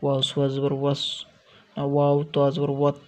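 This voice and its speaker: A man teaching recitation, spelling each syllable out slowly and then explaining the rules in a brisk way. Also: mid-range voice, monotone, a little mellow. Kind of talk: spelling out Arabic letter by letter.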